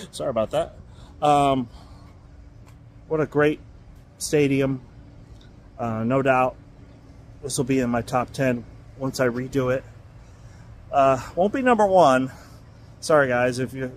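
A man of middle pitch narrates a stadium tour on his phone, enthusiastic and rambling as he stops to fix his own sentences. He sounds outdoors, with faint ambient noise and the occasional vehicle in the background. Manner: rambling, enthusiastic, self-correcting. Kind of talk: casual walking vlog narration.

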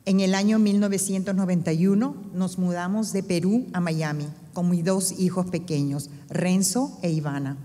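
A middle-aged woman from Peru, accent Peruvian Spanish, reads her testimony earnestly at a stand microphone on a church stage with an audience present. She talks briskly with few pauses, in a lowish, warm, steady voice, and the spacious hall lends a long reverb.

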